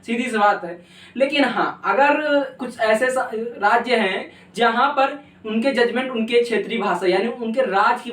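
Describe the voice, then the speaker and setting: A man's voice: very high-pitched, fairly bright tone. A young man teaching a civics lesson in a casual, chatty way, often checking in with his students. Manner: casual, chatty, keeps asking "ठीक है", jokey examples. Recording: echoey room, voice from a distance.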